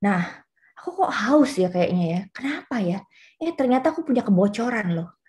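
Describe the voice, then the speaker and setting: A woman's voice: on the high side, expressive, normal speed, a little mellow. A woman in her late forties, a pastor giving a chatty, personal youth fellowship sermon with frequent fillers. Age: 40s.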